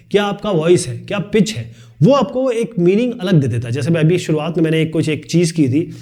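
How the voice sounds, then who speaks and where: A man with a fairly high voice teaches a tutorial at a brisk clip. He talks chattily, explaining points through everyday examples and throwing in light asides along the way. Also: a little mellow. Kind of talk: fast-paced Hindi tutorial lecture.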